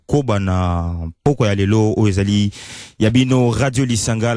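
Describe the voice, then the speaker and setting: A radio host with a Congolese accent runs a conversational show, code-switching and frequently repeating and rephrasing what he says. His voice is on the low side with a dark tone, recorded dry at studio quality.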